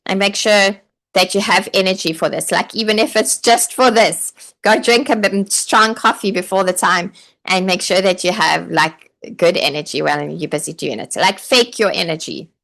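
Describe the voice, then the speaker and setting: In a live stream for would-be online teachers, a woman coaches in a chatty, encouraging manner, peppering her speech with "like" and "okay" and reading out viewer comments. Her lowish voice is gravelly and a bit bright, and she keeps a moderate pace. The session is a live online training.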